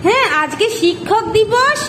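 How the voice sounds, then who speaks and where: A woman's voice: very high voice, sing-song, moderate pace, a bit bright. A woman talking to her small child in a playful family home video, coaxing and doting as a mother. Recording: noisy home video recording.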